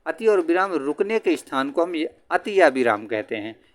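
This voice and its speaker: Man, grammar teacher, exam-prep lesson, slightly high voice, asks and answers his own questions, chants verse lines slowly. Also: very animated. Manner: asks the class questions and answers them himself.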